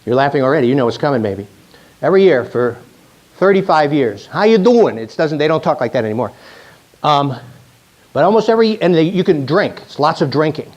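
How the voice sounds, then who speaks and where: A man's voice: fairly high pitch, lively intonation, fairly quick, dull audio. A man in his sixties, a chiropractor giving a joking, chatty talk to a live audience, often restarting his sentences. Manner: chatty, self-mocking, with many restarts.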